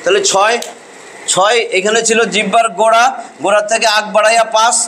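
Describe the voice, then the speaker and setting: A middle-aged man, teaching Quran pronunciation in a classroom lesson and drilling each sound by slow repetition. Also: sits high, little pitch movement, sharp tone, slight background noise, rough recording.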